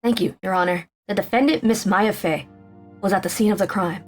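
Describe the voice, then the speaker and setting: A woman voicing a confident young male prosecutor in a game, lowering her voice and speaking formally. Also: soft background music, lightly acted. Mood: cold. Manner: lowered voice, measured formal speech.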